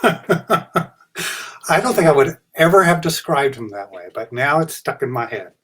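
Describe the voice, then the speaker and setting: Gracious, halting male host. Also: fairly high pitch, husky. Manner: warm-hearted, gracious, slightly halting. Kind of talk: casual chat. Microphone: video call.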